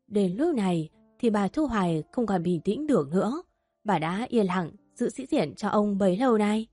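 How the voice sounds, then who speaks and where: A woman narrating a dramatic family story in an emotive, steady storytelling voice. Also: medium pitch, no echo.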